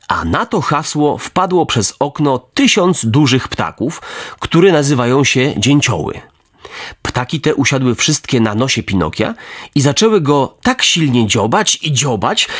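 Male storybook narrator, lively intonation, dry close mic. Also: mid-range voice, dry recording. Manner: expressive, addresses listeners directly. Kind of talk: storybook reading for children.

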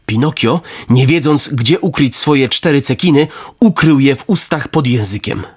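A man narrating a storybook in an expressive, dramatic reading style. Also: mid-range voice, moderate pace, breathy edge.

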